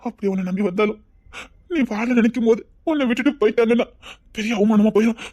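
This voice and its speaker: A man's voice: high-pitched, fast, darkish tone. A man with a Tirunelveli Tamil accent, speaking an anguished inner monologue in a homemade drama.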